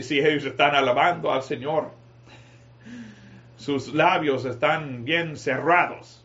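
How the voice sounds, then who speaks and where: A man preaching a sermon to a congregation, rising to shouted climaxes. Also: a little high, dull audio. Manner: rises to shouting climaxes, addresses congregation as brothers.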